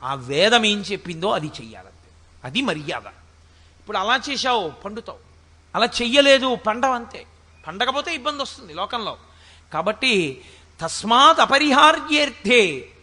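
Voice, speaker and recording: A man giving a spiritual discourse, chanting scripture verses slowly and then explaining them in lively, conversational asides. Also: high-pitched. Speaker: spiritual speaker. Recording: echoey hall with long reverb.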